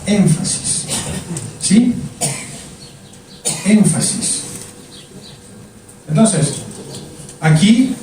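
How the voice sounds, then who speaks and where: A man's voice: sits high, dark tone, a little hiss or hum. A male preacher delivering a sermon in a church. He speaks emphatically, repeating words and asking the congregation questions. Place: church sanctuary. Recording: echoey church from a distance.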